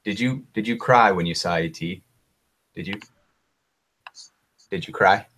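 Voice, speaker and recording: A man with a somewhat low voice joking around in a casual stream chat. He fires off playful, teasing questions. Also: unhurried, fairly bright tone, a little hiss or hum.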